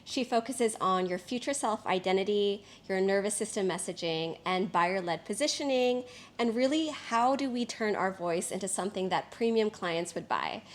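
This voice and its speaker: A woman's voice: medium pitch, normal speed. Upbeat chatty woman podcast host. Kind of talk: casual interview chat.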